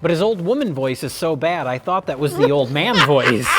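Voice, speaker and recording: A man's voice: fairly high pitch, animated, normal speed, heavy background noise. A man casually and comically questioning a film in a panel discussion. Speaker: show panelist. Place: indoor studio panel.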